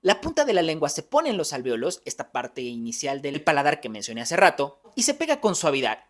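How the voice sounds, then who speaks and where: A man's voice: on the high side, huge pitch swings, brisk. A man teaching English pronunciation in a phonetics lesson, patiently explaining each sound step by step.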